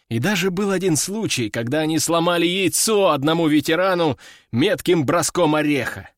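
A male audiobook narrator telling a humorous story in an expressive way, his voice set a little high. The pitch swings lively through each phrase, and the recording is close and dry. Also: no room sound.

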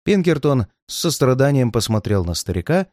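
A man narrating a detective story as an expressive audiobook reading. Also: medium pitch, normal speed, no room sound, studio quality.

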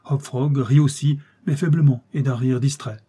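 A man reading a classic story aloud as an audiobook narrator, steady and expressive. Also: mid-range voice, normal speed, husky.

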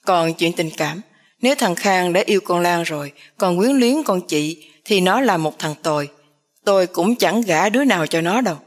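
A woman's voice: lowish voice, animated, moderate pace. A woman voicing a stern older father who lays down the law to his family. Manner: firm, commanding, lecturing.

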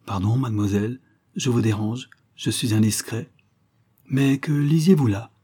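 A man's voice: mid-range voice, moderate pace, dark tone, breathy edge, natural voice. A man voicing a vain, showy young Parisian man who declaims poetry in a self-satisfied, half-mocking manner. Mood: showing off.

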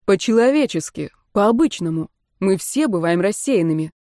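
A woman reading the part of a calm male doctor who soothes and reassures his sister. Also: mid-range voice, moderate pace, no echo, clean studio sound, lightly acted. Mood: soothing. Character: calm caring male doctor, protective older brother.

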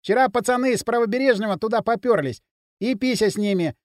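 A man voicing an excitable young lad telling a story in a lively rush. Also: high voice, quick pace, dry recording, studio quality, voice pushed up, lightly acted. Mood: animated.

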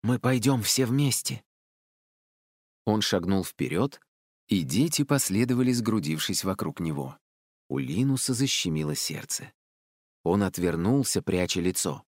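Male audiobook narrator, lively pitch, dry close recording. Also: moderate pace, no echo. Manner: expressive, varied.

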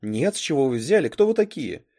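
A man voicing a defiant teenage girl with secret powers, indignant and sharp in a storybook reading. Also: mid-range voice, very animated, a little fast, voice pushed up.

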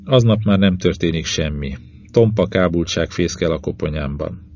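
A man narrating a novel in the first person, in measured, even short phrases. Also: low voice, a little hiss or hum. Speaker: audiobook narrator. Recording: dull lo-fi recording.

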